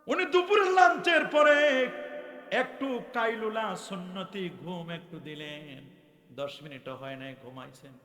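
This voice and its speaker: A man's voice: high voice, a little slow, pushed and bright, reverberant, in a large hall, voice pushed up. Preacher playing a fretful male attendant. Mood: anxious pleading. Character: anxious male attendant guarding a sleeping scholar.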